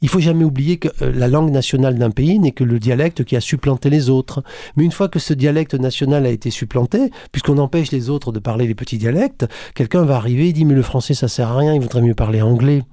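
A man's voice: medium pitch, fast, mellow, no echo, clean studio sound. A man from the south of France, an economics professor, speaking as a radio guest with a neutral accent, restarting and repeating words as he goes. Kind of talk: radio interview talk. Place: radio studio.

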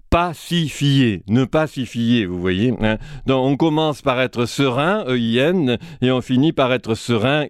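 A broadcast series commentator with a mid-range voice delivers reflective remarks in clean studio sound with no room echo. Professorial in manner, he tags phrases with "hein" and "vous voyez" and enjoys wordplay and quotations.

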